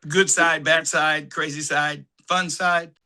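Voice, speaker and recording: Bright, high-voiced man telling stories. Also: slow. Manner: animated anecdotes, acts out quotes, laughs often. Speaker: actor guest. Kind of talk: casual storytelling.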